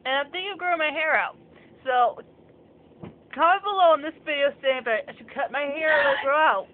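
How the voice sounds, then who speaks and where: A woman's voice: high voice, brisk. A female vlogger chatting casually and playfully to the camera at home, rambling about being bored. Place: at home, lying down. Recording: tinny lo-fi audio with faint hiss.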